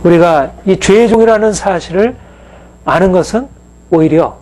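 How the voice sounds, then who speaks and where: A man's voice: high-pitched, normal speed, a little mellow, a little hiss or hum, poor audio. A male pastor giving a conversational sermon, with frequent fillers and rhetorical questions to the congregation.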